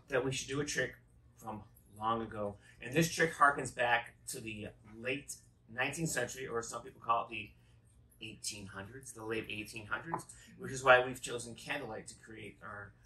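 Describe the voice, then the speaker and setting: Middle-aged man's bright card magician patter. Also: medium pitch, slight background noise. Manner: chatty, with rambling tongue-in-cheek asides. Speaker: magician co-host of a magic show. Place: small dark room, indoors. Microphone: phone camera set back from the table. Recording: voice distant from the microphone.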